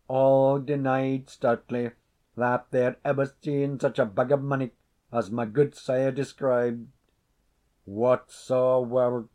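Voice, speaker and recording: Man reading a tale slowly. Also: medium pitch, darkish tone. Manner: slow, deliberate storytelling. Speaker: storyteller. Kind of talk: dramatic reading of a classic tale.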